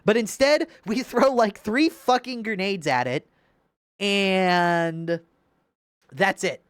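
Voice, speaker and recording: A man's voice: high-pitched, slow pace, clean tone, no room sound, clean studio sound. A young man giving casual, sarcastic commentary while reviewing gameplay, exasperated and swearing.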